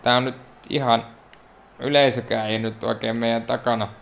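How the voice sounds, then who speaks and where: A man from Finland giving excitable, self-mocking let's play commentary on a wrestling game, talking to the characters on screen. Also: medium pitch, gravelly, slight background noise. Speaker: gaming YouTuber.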